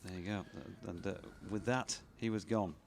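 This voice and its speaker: A man doing relaxed, chatty ball-by-ball radio cricket commentary. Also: sits low, moderate pace, a little hiss or hum. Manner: relaxed, chatty, with fillers and laughs between balls.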